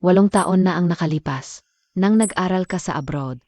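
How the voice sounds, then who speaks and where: A woman's voice: on the low side, moderate pace, dark tone, dry recording, lightly acted. An actress playing a cold, accusing woman who has taken over a company, in a dubbed drama. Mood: reproachful. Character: cold, defiant young woman heading a company. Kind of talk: dubbed short drama acting.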